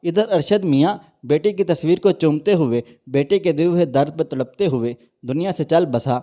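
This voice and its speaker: Man telling a sad moral story, kinda preachy, mellow voice. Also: fairly high pitch. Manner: preachy, emotional. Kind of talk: dramatic moral story narration.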